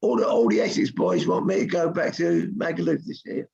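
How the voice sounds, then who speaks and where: An older man with a hoarse voice that is giving out, chatting casually as a guest. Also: on the high side, fairly quick, darkish tone. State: hoarse, losing his voice. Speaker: guest, football goalkeeping coach. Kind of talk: casual chat. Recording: dull, muffled call audio.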